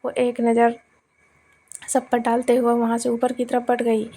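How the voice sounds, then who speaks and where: A woman narrates a family drama and voices every character's lines herself. Her voice sits high and sounds soft and mellow, with a breathy, slightly husky edge. The reading is steady and unhurried throughout. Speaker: storyteller. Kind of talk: scripted story narration with voiced dialogue.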